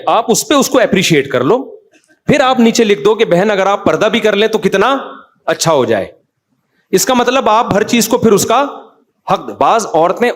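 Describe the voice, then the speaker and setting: A man in his role as a cleric, giving a casual religious talk with an animated, conversational delivery that rises in pitch for emphasis. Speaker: Islamic cleric answering questions.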